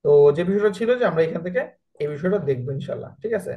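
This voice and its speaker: Fast-talking Bangladeshi man teaching editing. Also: sits high, lively intonation, a little mellow, rough recording. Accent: Bangladeshi Bengali. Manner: chatty, asks students frequent check questions; mixes English words into his talk. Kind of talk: screen-share tutorial class.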